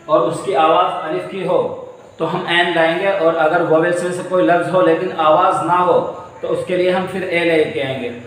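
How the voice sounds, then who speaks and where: A man teaches a grammar lesson in a fairly high voice, heard from a distance across the room. His speech rings out in a strongly echoing space with a long tail of reverb. He explains patiently, going over each point again and asking his class questions. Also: slight background noise. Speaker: English teacher. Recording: echoey room from far off.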